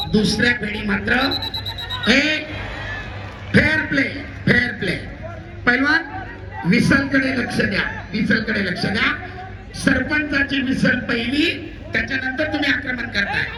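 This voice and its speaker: A man calling a live wrestling match through a loudspeaker PA, energetic, announcing points and warning the wrestlers. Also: very high voice, a little slow, long pauses. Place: outdoor wrestling ground. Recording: echoey outdoor PA with loud crowd.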